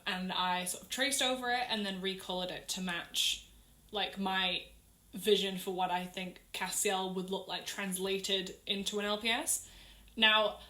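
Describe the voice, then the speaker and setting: A young woman chatting casually through a voiceover on her crafting channel, rambling and self-deprecating, recorded in low quality on wireless earbuds. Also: sharp tone, reverberant. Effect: low-quality audio from earbud mic.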